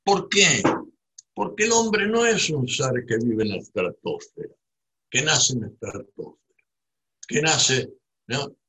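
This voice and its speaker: Slow and pausing often, a Rioplatense-accented man from Buenos Aires, Argentina, muses at length, wandering off topic with plenty of tag questions and restarts. His medium-pitched voice is lively, bright, forceful and slightly rough.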